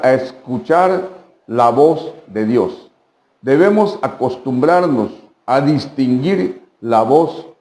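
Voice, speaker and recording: A man's voice: a little high, warm tone, echoey room. A man with a Mexican Spanish accent preaching a midweek sermon as pastor, asking rhetorical questions and repeating phrases for emphasis.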